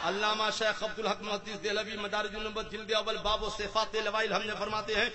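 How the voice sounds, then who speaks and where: A man's voice: high voice, monotone, background noise. A man preaching to a gathering, telling stories with a chuckle and calling on listeners to chant along. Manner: call-and-response, urging the crowd to chant along; playful storytelling with chuckles. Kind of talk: Islamic sermon to a gathering. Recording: live sermon with audible crowd.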